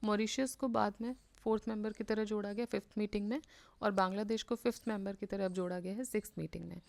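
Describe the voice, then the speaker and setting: Indian woman, current affairs teacher, gravelly fry in her voice, slow careful reading of english text, explains and repeats points. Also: medium pitch, steady tone, darkish tone. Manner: reads English text slowly, explains in Hindi; repeats key points, addresses students directly. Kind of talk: exam revision lesson.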